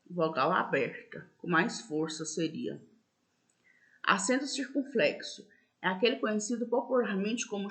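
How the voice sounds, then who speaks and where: A woman teacher gives a school lesson in a patient, repetitive way, often checking in with "né?" and slowing down to stress example words. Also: mid-range voice, a bit bright. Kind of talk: school lesson explaining accents.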